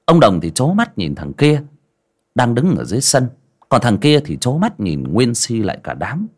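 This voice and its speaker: A man narrating a folksy story in an expressive, vivid way. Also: medium pitch, normal speed, slightly rough.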